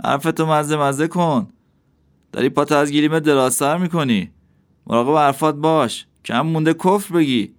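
Audiobook role: a proud, stern judge, put on by a male reader, raised pitch, sharp threats. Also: lightly acted. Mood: indignant, warning.

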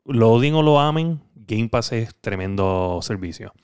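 A man's voice: lowish voice, animated, a little slow, a little mellow, clean tone, no room sound, studio quality. A man hosting a casual gaming podcast, rambling and teasing, full of filler words. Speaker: podcast host.

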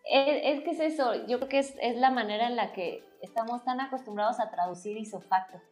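A woman's voice: fairly high pitch, brisk. A woman talks in an easygoing, thoughtful way, leaning on small fillers as she thinks aloud. Her voice sits in an echoey room, with faint music underneath. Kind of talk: casual chat about language.

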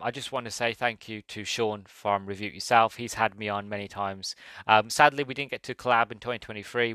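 Brief: male podcast host, lowish voice with a bright, pushing edge, rambling and chatty. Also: dry recording. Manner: rambling and upbeat, many ums and restarts. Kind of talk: solo podcast chat.

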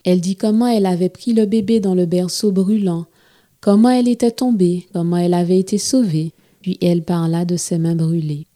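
A woman telling a storybook tale to children in a gentle, expressive reading style. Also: lowish voice, brisk.

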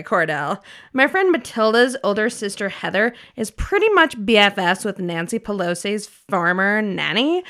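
Woman doing a bright, chirpy valley-girl teen gossip reporter, full of slang. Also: mid-range voice. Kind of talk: comedy radio sketch.

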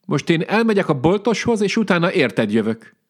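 A man voicing a small enchanted hedgehog-pig suitor in a folk tale, brisk and bossy, raising his voice above his own. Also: a little high, sing-song, husky, voice pushed up.

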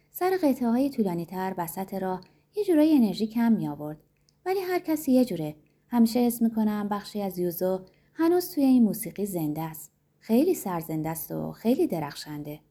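A woman narrating a novel in a soft, quiet, unhurried reading voice that drops low at the ends of phrases. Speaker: audiobook narrator. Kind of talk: scripted narration.

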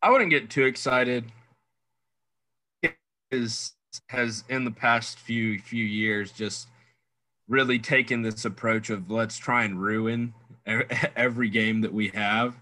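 A man's voice: medium pitch, fairly even intonation, slow pace, long pauses, sharp tone, no room sound. A man co-hosting a podcast in casual sports chat, thoughtful and weighing both sides. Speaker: podcast co-host.

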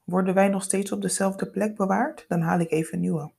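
A woman reading the lines of a relaxed, friendly man who talks in an offhand way. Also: mid-range voice, moderate pace, creaky, husky. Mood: easygoing.

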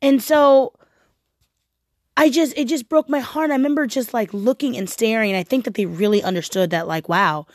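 A woman's voice: fairly high pitch, moderate pace, no room sound, clean studio sound. A woman talking casually and heartfeltly about faith and church, often saying "like" and "right?". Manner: heartfelt, animated, frequent "like" and "right?".

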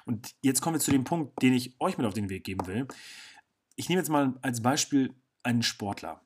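A man's voice: medium pitch, expressive, moderate pace, a little hiss or hum. A young man hosting his own podcast, talking bluntly and casually with slang, often stopping to correct himself. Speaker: podcast host. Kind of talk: casual solo podcast monologue.

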